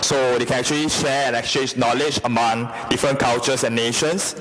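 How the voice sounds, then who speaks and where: A man's voice: medium pitch, a little fast, faint music behind, low-quality recording. A young man from Singapore, giving a formal, methodical stage presentation as a youth forum presenter. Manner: steady, methodical, structured delivery.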